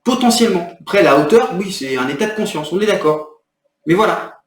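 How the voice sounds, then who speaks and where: A man's voice: high-pitched, expressive, brisk, far from the mic. A man talking to camera in an irritated, rambling way, explaining his next video and venting. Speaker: video creator. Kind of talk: agitated talking-to-camera vlog. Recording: echoey room, off mic.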